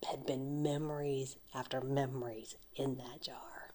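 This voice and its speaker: A middle-aged woman whispering softly and gently in an ASMR storytime, with nail taps clicking behind her. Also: extremely low pitch, level tone, measured pace. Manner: whispering and very soft-spoken. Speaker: ASMR creator. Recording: noisy, with constant clicking and tapping. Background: tapping and clicking on seashells.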